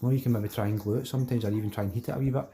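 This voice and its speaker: A medium-pitched, gravelly yet mellow voice delivers rapid-fire, fairly even speech as a Glaswegian man chats on a fishing live stream. He reads and replies to viewer messages in a rambling, matey style with colloquial Scots wording.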